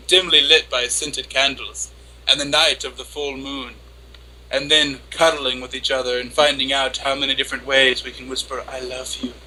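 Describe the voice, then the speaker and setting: A man's voice: mid-range voice, sharp tone, a little hiss or hum, poor audio. A man giving a hammy, theatrical dramatic reading as a lovestruck, flustered and obsessively devoted young anime woman. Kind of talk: dramatic reading of an internet post.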